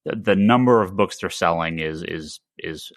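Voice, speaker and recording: A low-pitched American man hosts a casual podcast discussion at a moderate pace, stating his opinions emphatically and stammering on repeated words. He is a podcast host and comic shop retailer, recorded with studio quality and no echo.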